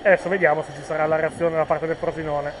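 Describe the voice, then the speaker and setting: A man's voice: a little high, little pitch movement, quick pace, background noise. A man giving informal live football commentary, hesitating and correcting himself as he goes.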